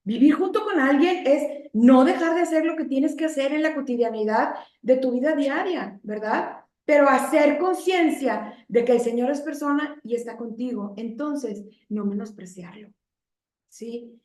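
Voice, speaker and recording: A woman's voice: sits high, unhurried, a little mellow. A woman giving an impassioned religious testimony, pleading and asking rhetorical questions. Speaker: lay preacher. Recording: echoey room.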